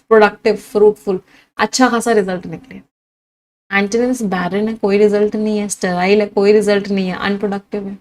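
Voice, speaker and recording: A young adult woman with an Indian English accent teaching an exam-prep vocabulary lesson, mixing Hindi and English, repeating words and quizzing the viewer. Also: mid-range voice.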